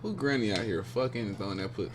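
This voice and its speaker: A man co-hosting a casual podcast chat, talking fast with lots of fillers and repeats. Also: on the low side, a little hiss or hum. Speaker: podcast co-host.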